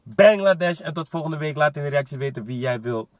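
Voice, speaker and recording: A man's voice: fairly high pitch, lively intonation, fairly quick, no room sound, studio quality. A young man hosting a casual interview, often putting in short affirming words. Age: young adult. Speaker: interview host. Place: inside a parked car.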